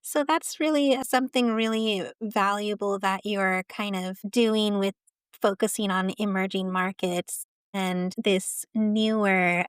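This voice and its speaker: A woman's voice: mid-range voice, steady tone, measured pace, clean tone, no room sound. A woman hosting a podcast interview, affirming her guest with frequent agreement. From South Asia. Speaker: podcast host. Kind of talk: conversational interview.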